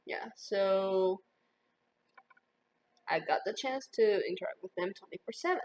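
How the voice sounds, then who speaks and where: Slow and hesitant, this Mandarin-speaking university student in her 20s, who grew up in Taiwan, gives casual interview answers full of "um" and "like." She has a medium-pitched voice with a darkish tone, and there is slight background noise.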